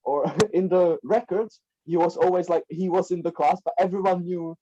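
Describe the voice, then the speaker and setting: Young man, from the Republic, podcast guest, dark warm voice, rambling with repeated words, dull muffled recording. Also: sits high, steady tone, moderate pace. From Czech Republic. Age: young adult. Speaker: guest, life coach. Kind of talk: casual podcast conversation. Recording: dull lo-fi sound.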